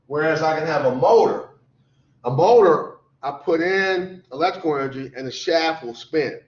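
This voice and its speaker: A tired, sleepy man teaching a lecture class, repeating definitions slowly so students can write them down. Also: a little high, animated. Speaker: college instructor. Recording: echoey classroom, dull lo-fi sound.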